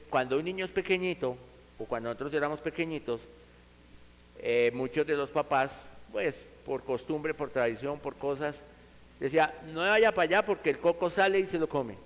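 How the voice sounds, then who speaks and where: A man's voice: medium pitch, long reverb tail, low-quality recording. A man preaching a sermon to his congregation, speaking earnestly and conversationally, acting out vivid quoted examples.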